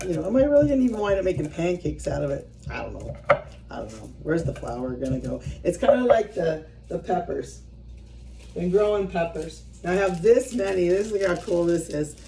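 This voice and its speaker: Her voice on the low side and a little mellow, a vlogger in her fifties rambles casually to viewers while doing handwork, often self-deprecating and drifting off before finishing a thought. The mic is distant, with a slight hiss or hum.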